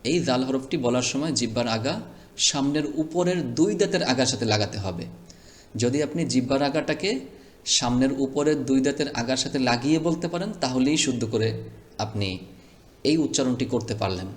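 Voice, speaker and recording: Man patiently spelling out Quran lessons. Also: medium pitch. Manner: slow, deliberate spelling out of letters. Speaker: Quran reading teacher.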